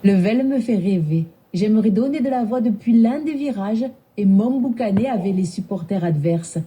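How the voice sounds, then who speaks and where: A woman's voice: mid-range voice, lively intonation, moderate pace, warm tone, breathy edge, lo-fi sound. A synthetic woman's voice doing a chirpy Southern French assistant. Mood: cheerful. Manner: playful, exaggerated regional slang.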